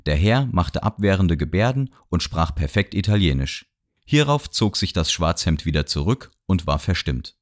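Low-voiced guy reading an audiobook, dry studio sound. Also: no echo. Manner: measured, expressive storytelling. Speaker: audiobook narrator. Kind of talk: scripted literary narration.

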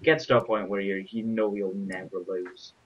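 A man's voice: on the low side, steady tone, normal speed, breathy edge. A young man chatting casually while playing a game, with wry banter. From Scotland. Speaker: gaming channel host. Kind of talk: casual gaming commentary. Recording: dull hissy home mic.

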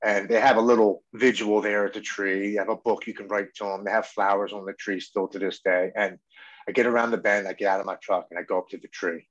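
A man in his forties speaks with a slightly low voice, earnest and reflective. He tells a personal story as a podcast guest, in a heartfelt way. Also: level tone, fast, lo-fi sound.

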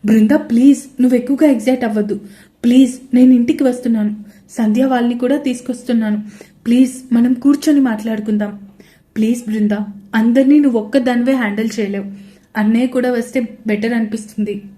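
A woman's voice: fairly high pitch, steady tone, a little fast, warm tone, lightly acted. A woman voicing a young sister-in-law who coaxes and encourages a crying friend in an audio story. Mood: urgent. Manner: coaxing, encouraging.

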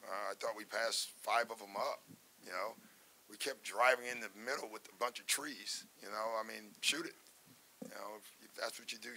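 An older man, a basketball head coach, answering reporters at a postgame press conference from a table microphone, measured and conversational with many fillers and restarts. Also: fairly low pitch, creaky, bright, forceful tone, a little hiss or hum. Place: press room in front of a sponsor backdrop. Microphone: table microphone in front of him.

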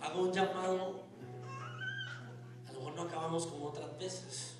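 A man, a pastor preaching a sermon and telling stories, moving from soft asides to shouting. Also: a little high, fairly even intonation, normal speed. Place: church sanctuary. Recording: echoey church hall, distant mic, music.

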